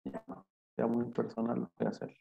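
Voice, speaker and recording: A man's voice: mid-range voice, monotone, a little fast, gravelly, highs cut off. A Chilean male professor teaching an online class whose voice comes through half robotic and glitchy over a dropping video call link. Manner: conversational, checking if students follow. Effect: half robotic, glitchy voice from a dropping internet link. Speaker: university finance professor.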